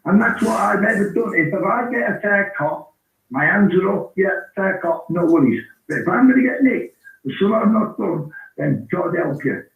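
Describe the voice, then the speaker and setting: A man's voice: high-pitched, lively intonation, moderate pace, vocal fry, fairly bright tone. A man telling blunt, slang-heavy stories in a casual call-in chat. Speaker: guest caller. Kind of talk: casual storytelling. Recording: echoey, distant, phone-like line.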